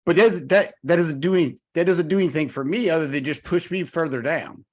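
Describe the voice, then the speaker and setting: A man's voice: a little high, a little fast, darkish tone. Candid man hosting a casual podcast. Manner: candid, conversational. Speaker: podcast host.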